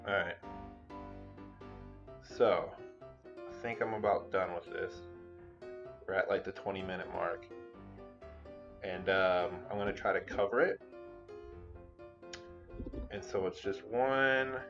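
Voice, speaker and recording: The voice is deep and slow, with vocal fry and long pauses, in lo-fi sound over music. It belongs to a man casually vlogging as he cooks at home among cat hair, rambling and cursing while addressing viewers.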